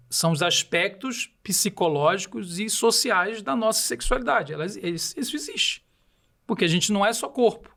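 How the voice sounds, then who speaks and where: This podcast guest has a high-pitched, somewhat bright male voice and a Paraense accent from Belém do Pará, Brazil. He explains his ideas in a didactic way, frequently using rhetorical questions.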